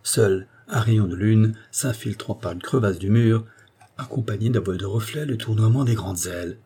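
A man reads a novel aloud as scripted audiobook narration, telling the story in a measured, expressive way. His low voice is mellow and dark, with a husky grain.

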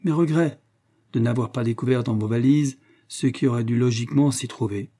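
A man voicing a stout, gruff police commissioner who talks curtly, with a husky, dark voice. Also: mid-range voice, a little fast, close to an everyday voice. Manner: curt, gruff.

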